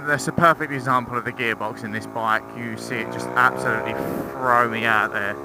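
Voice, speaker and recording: A young motorcycle vlogger with a mid-range, creaky voice talks casually into his helmet intercom mic while riding on roads, rambling through a review with some swearing and self-mockery. His delivery is brisk with fairly even intonation. The low-quality recording has loud music, plus loud engine and road noise.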